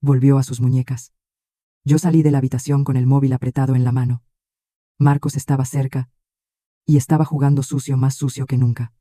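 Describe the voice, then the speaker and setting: A man reading a scripted first-person drama story in a flat, measured way. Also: mid-range voice, no echo, studio quality. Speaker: narrator.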